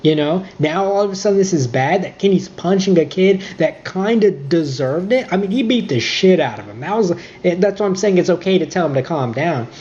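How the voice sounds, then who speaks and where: Young man ranting about a game, mellow voice. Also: high voice, expressive, a little fast, hardly any pauses, highs cut off. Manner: irritated, profane, nitpicking. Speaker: game reviewer. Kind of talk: casual spoiler review rant.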